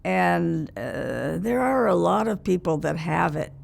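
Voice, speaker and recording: A very old woman in her nineties reminiscing in a casual interview, speaking haltingly in short phrases with pauses mid-sentence. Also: fairly low pitch, big pitch swings. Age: 90s. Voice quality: very old woman's gravelly, creaky voice.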